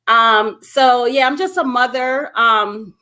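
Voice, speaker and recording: This middle-aged woman, from Guyana and Brooklyn, New York, is an anti-gun violence activist appearing as an interview guest. Her voice is fairly high, slow and bright, with a forceful tone, and she tells her story in an emphatic, conversational way.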